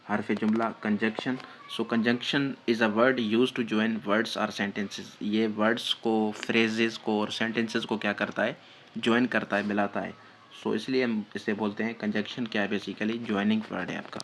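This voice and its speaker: Male grammar teacher, lower register, patient quiz-yourself delivery with slow dictation. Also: a bit bright, slight background noise. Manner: asks his own questions and answers them, fills with "ठीक है"; dictates English examples very slowly. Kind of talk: exam-prep lecture.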